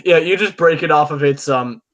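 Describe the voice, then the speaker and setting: A man narrates a tabletop fantasy game as its game master. His pitch is a little high. He talks casually and improvises in a halting way. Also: fairly bright tone, muffled recording.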